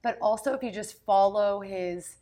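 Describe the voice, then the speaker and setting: A woman hosting a relaxed podcast chat. She talks loosely and informally and leans on fillers like "like" and "you know.". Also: mid-range voice, normal speed. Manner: chatty, filler-heavy. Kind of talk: casual chat.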